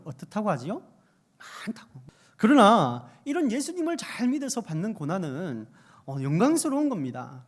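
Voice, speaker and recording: A man preaching a sermon as a pastor, asking his listeners rhetorical questions and driving points home by repeating phrases. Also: high-pitched. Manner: builds emphasis by repeating phrases.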